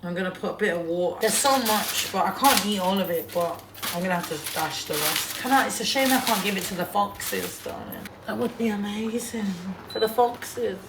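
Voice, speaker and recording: A woman's voice: mid-range voice, normal speed, noisy background. A woman chatting casually on a livestream at home in a flamboyant, profane way, often calling people darling. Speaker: artist and vlogger.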